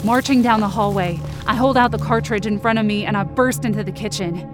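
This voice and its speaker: In an audio drama, a woman voices a hurt, furious, defiant young woman, narrating in first person with urgent, anxious intensity and strong emotion. Her medium-pitched voice moves briskly over music and sounds close to how she'd normally talk.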